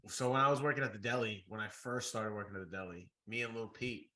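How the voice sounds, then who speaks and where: Bright-voiced man in casual chat. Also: lowish voice, fast, rough recording. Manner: blunt, teasing, animated storyteller. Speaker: podcast co-host.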